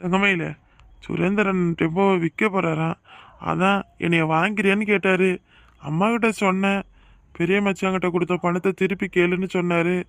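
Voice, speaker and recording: A mild young husband from a cartoon, voiced by a man who explains himself plainly. His voice sits high for a man but stays flat and even. The sound is dry and close. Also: moderate pace, no room sound.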